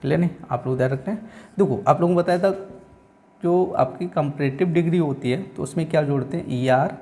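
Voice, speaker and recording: A man teaching English grammar in a Hindi-language class, with an Indian accent, who keeps repeating "theek hai" and slows down to read example sentences word by word. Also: a little high, darkish tone. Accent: Indian English, Hindi-speaking. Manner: repeats "theek hai" and "aap log dhyan rakhen" often.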